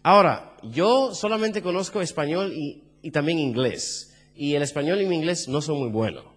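A man's voice: a little high, expressive, normal speed. Caribbean-accented male preacher, sermon style, quizzes the congregation, long reverb of a hall. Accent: Caribbean Spanish.

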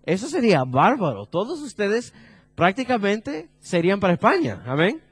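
A male preacher delivering a sermon with a lively, swinging pitch, higher than most men. He asks his listeners questions and sinks to a low voice for the heavy points. The sound is dry and close. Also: normal speed, husky, dry recording. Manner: animated, asks the congregation questions, drops low for emphasis.

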